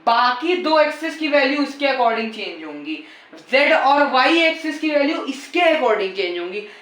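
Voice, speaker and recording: A man's voice: extremely high pitch, big pitch swings, a little slow, a bit bright, reverberant. A man teaching physics in a casual lecture style. He repeats key points and coaxes and teases his students as he goes. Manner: repetitive, coaxing, teasing the students.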